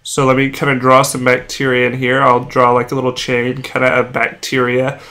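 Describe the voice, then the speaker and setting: Sounding sick, with a sore throat, fever, and a thick nasal congestion, a young man teaches medicine while drawing on a whiteboard. His mid-range voice stays plain and even, slowing down whenever he spells out a medical term.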